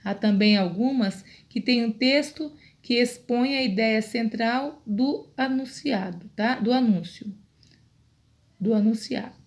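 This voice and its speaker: A woman's voice: fairly high pitch, slow. A Brazilian woman teacher explaining a grammar lesson patiently, often checking in with her students. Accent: Brazilian Portuguese. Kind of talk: online Portuguese grammar lesson.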